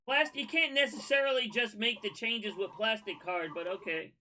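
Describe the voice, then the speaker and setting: A man with a drawl hosts a laid-back scale modeling livestream. His voice sits high and sounds sharp and bright, with a faint hiss of noise behind it. He chats and gives advice in a folksy way. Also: normal speed. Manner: relaxed, folksy, advice-giving. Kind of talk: casual livestream chat.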